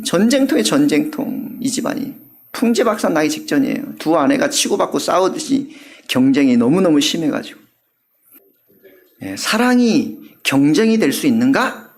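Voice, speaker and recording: A male pastor giving an animated sermon, often asking the congregation questions. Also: high voice.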